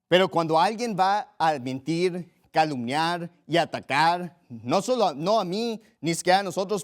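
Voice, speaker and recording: A man from Mexico, a pastor, preaching a combative sermon in a forceful style, often restarting and repeating words as he drives home pointed questions. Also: a little high.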